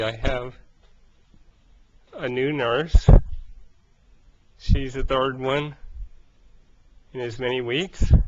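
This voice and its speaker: A man records a casual video diary update in a slow, halting voice. He is short of breath and breaks sentences into small pieces, with very little melody. The sound is dull and lo-fi. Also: mid-range voice. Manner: halting, speaking in short broken phrases. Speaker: vlogger.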